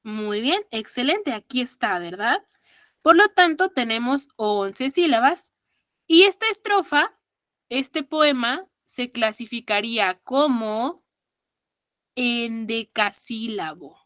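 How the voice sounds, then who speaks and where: A woman's voice: fairly high pitch, lively intonation, slow, a bit bright, dry recording, studio quality. A woman with a Mexican accent teaching an online exam-prep class, counting syllables aloud and praising her students patiently.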